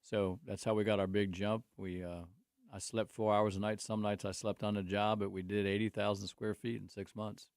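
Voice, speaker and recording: A lowish male voice with little pitch movement and a moderate pace, on a dry, studio-quality recording. He's in his 60s, owns a construction company, and as a guest in a casual talk show conversation he tells wandering stories about his life and faith, often restarting and speaking openly about his faith.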